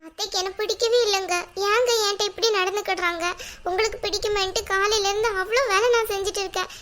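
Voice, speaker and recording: A woman voicing a hurt young daughter-in-law in an animated cartoon, talking in a pleading, plaintive way. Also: extremely high pitch, fast, slight background noise. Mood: complaining.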